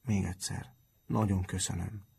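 A man voicing a shy, proud young schoolboy who speaks softly, hesitantly and politely. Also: fairly low pitch, fairly even intonation, slightly rough.

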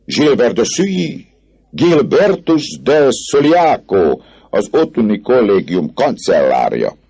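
A man voicing a rowdy crowd of young male students who shout mocking taunts in a much higher, louder voice than his narration. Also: very animated, breathy edge, heavily acted. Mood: jeering.

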